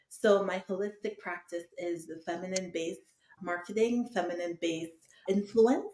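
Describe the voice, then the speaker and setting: A woman's voice: fairly low pitch, echoey room. A woman from Trinidad and Tobago, talking enthusiastically as a webinar co-host. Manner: enthusiastic, upbeat. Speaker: co-host, holistic coach. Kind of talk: casual webinar talk.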